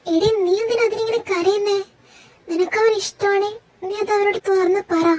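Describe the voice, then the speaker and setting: A woman doing a young woman's best friend in a fan fiction audio story. Her very high voice is caring and coaxing as she keeps pushing for the truth and then offers comfort. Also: steady tone, normal speed, a little mellow, poor audio. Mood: reassuring. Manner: pressing, reassuring, chatty.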